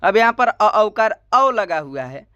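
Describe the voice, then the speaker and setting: A man teaching a step-by-step spoken lesson, slow and repetitive, often asking a question and then answering it himself. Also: sits high, expressive, bright, forceful tone, clear, resonant tone, no echo, highs cut off.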